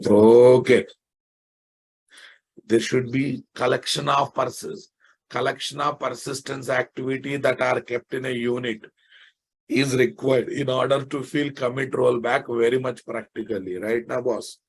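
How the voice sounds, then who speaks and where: A man with a Telugu Indian accent and a husky, gravelly voice, lecturing informally and bluntly, repeating phrases for emphasis. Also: mid-range voice, steady tone, measured pace. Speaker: software programming teacher. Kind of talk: informal live online lecture.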